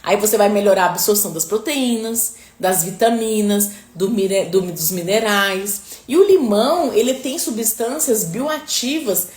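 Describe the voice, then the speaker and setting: A nutritionist woman chatting on a live stream, answering viewers and often tagging sentences with "tá?" and "né?", with religious blessings mixed in. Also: fairly high pitch. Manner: chatty, peppers speech with "tá?" and "né?". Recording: roomy, echoey room.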